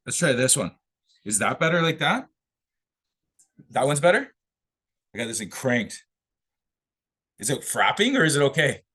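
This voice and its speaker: A man with a husky, mid-range voice chats in a relaxed, easygoing way while testing his own microphone on a video call before presenting at a real estate office meeting. His pitch swings widely, his pace is moderate, and he pauses often. The tone is bright and forceful.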